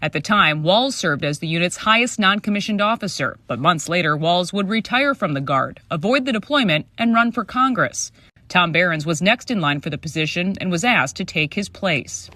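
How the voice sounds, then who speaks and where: Bright-voiced male news reporter. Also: high-pitched, animated, normal speed, no room sound. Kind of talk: scripted news narration.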